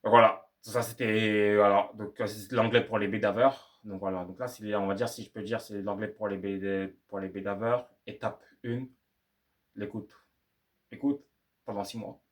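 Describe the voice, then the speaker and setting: Young man, casual vlog monologue, rambling, slangy, lowish voice. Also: fairly even intonation, moderate pace. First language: French. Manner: rambling, repeats himself, slangy street French. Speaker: YouTuber giving language-learning tips.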